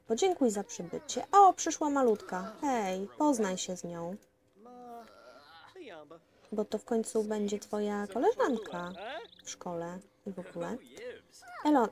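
A woman's voice: mid-range voice, gravelly, a little mellow. A young woman giving casual let's-play commentary, chatting to her game characters and turning to address her viewers. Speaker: gameplay commentator.

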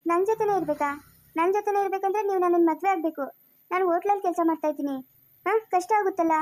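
A woman playing a poor, gentle young male hotel worker who talks in a soothing, coaxing way in a family skit. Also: extremely high pitch, rapid-fire. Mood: earnest. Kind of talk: amateur family skit acting.

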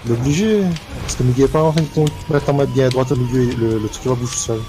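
A man's voice: mid-range voice, fast, rough recording. A man with a French Creole accent, chatting casually and giving tips as a co-player in a video game. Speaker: gaming co-player. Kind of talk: casual gaming chat. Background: game music.

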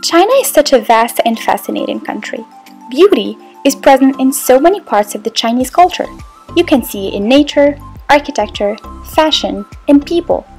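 High-voiced young woman narrating a video. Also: expressive, moderate pace, darkish tone, faint music behind. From Morocco. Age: young adult. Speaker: student presenter.

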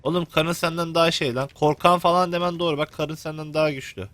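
A man's voice: a little high, steady tone, quick pace, fairly bright tone, no echo, faint music behind. Joking young man narrating gameplay. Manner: joking, trash-talks game characters. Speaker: gameplay commentator. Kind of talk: let's play commentary.

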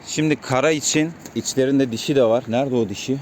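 A man keeping pigeons, talking casually to his viewers and calling to the birds with quick repeated commands. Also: medium pitch, a little mellow. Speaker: pigeon keeper vlogger. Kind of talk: casual vlog talk to viewers. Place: outdoors on a rooftop pigeon loft. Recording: faint outdoor noise. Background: birds and city sounds.

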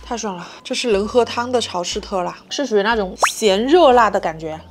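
A woman's voice: mid-range voice, animated, fairly quick, background noise. A young woman food vlogger giving casual, enthusiastic and emphatic commentary as she eats in a small room. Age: young adult. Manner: enthusiastic, emphatic with repeated words; talks while eating.

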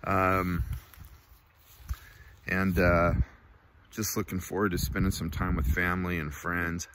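A middle-aged man chatting casually to camera outdoors, in a laid-back, folksy way with short phrases and pauses. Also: sits low, little pitch movement, a bit bright, a little hiss or hum. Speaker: vlogger. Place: outdoors by a river in a wooded valley. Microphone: phone at arm's length.

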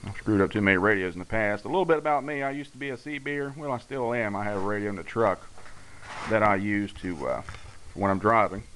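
A middle-aged amateur radio hobbyist demonstrates his hobby at a radio bench indoors, talking in a plain, folksy, halting way as he works. His voice sits on the low side with a fairly bright tone. The handheld camera's built-in mic gives noisy audio full of radio receiver static.

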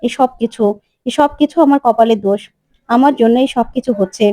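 A woman playing a grown son torn up by family troubles, pleading and emotional. The voice is high and mellow, with a dry sound. It is told as part of a spoken serial recap. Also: fairly quick, dry recording, lightly acted. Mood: distraught.

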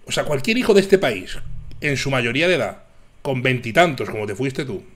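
A man hosting a reaction video, commenting on a clip in an animated, mocking way with loud sarcastic outbursts. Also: medium pitch, fairly quick.

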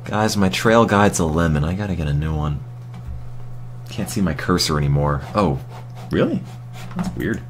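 A man's voice: deep voice, moderate pace, pauses often, a little hiss or hum. A man giving casual, dry and sarcastic commentary while streaming a video game.

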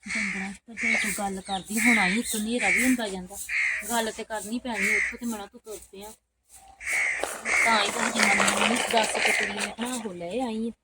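A woman's voice: mid-range voice, flat delivery, close to an everyday voice. A woman playing a childless village woman, pleading. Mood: wistful. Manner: pleading, halting, soft-spoken. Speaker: sister-in-law's visitor. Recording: loud background noise, crows cawing.

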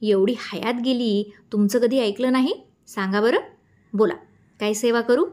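A woman's voice: fairly high pitch, measured pace, darkish tone, lightly acted. A woman voicing an affectionate older husband who teases his wife in a playful, loving manner.

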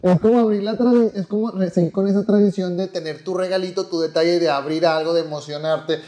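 A man's voice: sits high, fairly even intonation, fast. A man with a Mexican accent, co-hosting a podcast and patiently arguing back. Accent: Mexican Spanish. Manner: reasoning, patient, gently contradicting. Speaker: podcast co-host. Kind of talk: casual chat.

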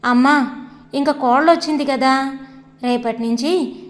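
A bossy young husband scolds in short, curt lines, read by a woman narrator. The voice sits high, with a long hall reverb trailing each phrase. It is a plain storybook reading. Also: unhurried. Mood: scolding.

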